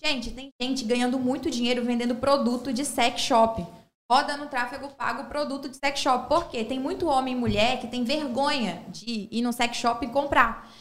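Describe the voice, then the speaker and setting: A young woman, a fluent and lively storyteller, chatting as a guest on a talk show. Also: high voice, normal speed, reverberant. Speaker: guest entrepreneur. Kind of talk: casual talk show chat.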